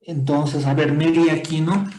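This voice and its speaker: A man's voice: fairly high pitch, little pitch movement, unhurried, darkish tone, poor audio. A man teaching a medical class online, explaining step by step and calling on students with questions. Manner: explanatory, quizzes students, frequent tag questions. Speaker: medical lecturer.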